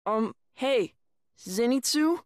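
A woman's voice: on the high side, lively intonation, slow pace, a little mellow, dry recording, studio quality. A woman voicing a blunt, scornful young girl in a video game dub. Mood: hesitant.

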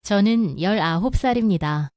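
A woman narrator reads short scripted lines quickly and evenly. The sound is close and dry. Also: mid-range voice, animated, darkish tone, no room sound. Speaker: narrator giving translations.

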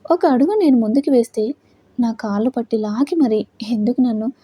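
A woman's voice: on the high side, lively intonation, moderate pace, mellow, breathy edge, no room sound. A woman doing a bitter heartbroken young woman. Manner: bitter, forced laughter. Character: heartbroken young woman laughing through tears.

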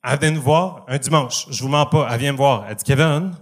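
A man's voice: medium pitch, quick pace. A young man with a Quebec French accent doing a self-deprecating stand-up routine on a comedy club stage, laughing at his own jokes.

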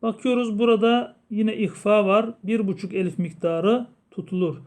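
A man teaching Quran recitation rules, explaining slowly and chanting the verses long and drawn out. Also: high voice, darkish tone. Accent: Turkish. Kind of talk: tajweed lesson with chanted recitation.

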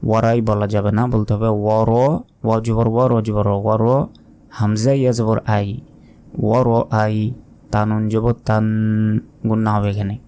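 A man teaching Quran recitation, spelling out each letter and vowel mark before sounding the word slowly. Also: lowish voice, mellow, smooth. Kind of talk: slow letter-by-letter recitation lesson.

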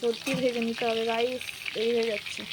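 A woman's voice: on the high side, little pitch movement, fairly quick, very noisy. A young woman vlogging casually from her home kitchen, chatting through each cooking step for her viewers on a handheld phone. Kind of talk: casual vlog narration.

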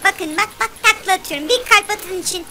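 A woman commentating a game for kids in a playful, whiny, complaining and excitable way. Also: very high-pitched, brisk. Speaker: gameplay commentator.

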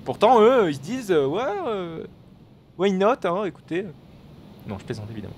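A man giving live commentary on a game, excitable and rambling, with frequent swearing and exclamations. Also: sits high, normal speed, a little hiss or hum. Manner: rambling with many fillers and restarts. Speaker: gaming video host.

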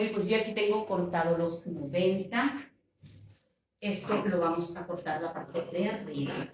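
A woman teaching a step-by-step sewing tutorial, patient and instructive as she counts out measurements. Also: mid-range voice. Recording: echoey room, voice a bit far from the mic, faint noise.

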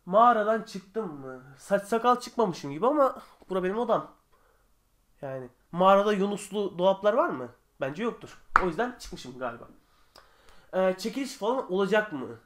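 A young man answering viewer questions in a casual vlog from his bedroom, chatty and joking, sometimes getting heated. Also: high voice. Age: young adult. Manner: chatty, joking, quick shifts between calm and heated.

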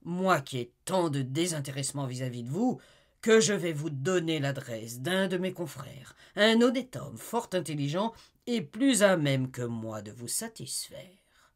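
A woman reading an audiobook, voicing a despotic middle-aged husband who moves from icy politeness to shouted rage. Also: low voice, very animated, a little slow. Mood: icily polite.

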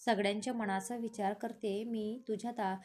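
A woman voicing a quick-tempered but affectionate young husband in a read-aloud story. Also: high-pitched, flat delivery, a little mellow, natural voice. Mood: irritated. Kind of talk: storybook reading.

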